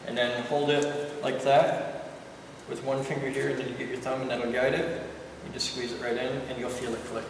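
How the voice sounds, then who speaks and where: In a very echoey indoor room, recorded noisily on a distant mic, a male instructor and video host gives a casual, step-by-step hands-on demonstration. His mid-range voice is flat and moderately paced, and his manner is informal and joking.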